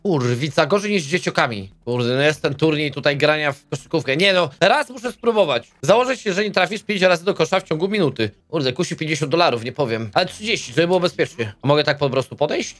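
A young man giving casual, excitable gameplay commentary, swearing and yelling at characters in the game. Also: on the high side, fast, hardly any pauses. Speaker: gaming video host.

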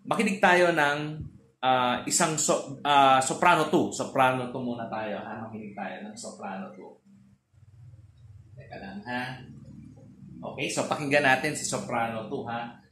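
A male choral teacher talks through a relaxed online lesson, explaining step by step and checking in often with a quick question tag. His voice sits at a middle pitch. It rings in a roomy space, with faint noise underneath. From Philippines.

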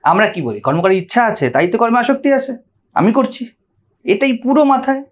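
A man's voice: very high voice, lively intonation, brisk. A man, a spiritual teacher, giving a conversational sermon on scripture and often asking his listeners questions.

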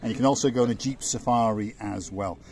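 A man's voice: on the low side, fast, darkish tone. Older man chatting through a seaside vlog. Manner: chatty, joking tour-guide patter. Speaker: vlog host. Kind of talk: casual walking vlog narration. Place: outdoors by a seaside harbour promenade. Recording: faint outdoor noise.

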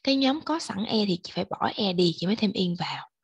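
A woman's voice: medium pitch, expressive, quick pace, dry recording, lo-fi sound. A woman, giving patient, encouraging step-by-step explanations as an English tutor. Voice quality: husky, gravelly. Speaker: English teacher.

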